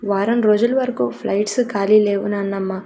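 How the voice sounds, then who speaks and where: A woman reads a caring young brother in an audio storybook, worried and gentle. He reasons quietly. The voice is dark and mellow, with little rise and fall. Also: medium pitch, steady tone, normal speed, vocal fry, slight background noise, natural voice. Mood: concerned.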